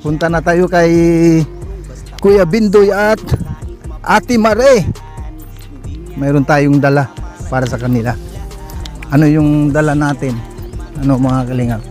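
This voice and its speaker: Male charity vlogger, unhurried, laughing coaxing manner, phone-filmed outdoors, music bed behind. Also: on the high side, a little mellow. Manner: chatty, coaxing, often laughing. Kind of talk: casual on-location vlog talk. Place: outdoors at a house in the rain. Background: background music.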